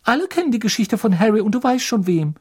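A man doing a sharp know-it-all schoolgirl. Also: sing-song, breathy edge, heavily acted. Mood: indignant. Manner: quick, pointed, high. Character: clever eager schoolgirl, bold and know-it-all. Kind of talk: audiobook reading.

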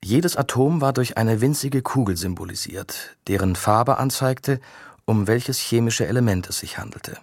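A man reading an audiobook with even, measured scripted narration. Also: medium pitch, vocal fry, dry recording, clean studio sound.

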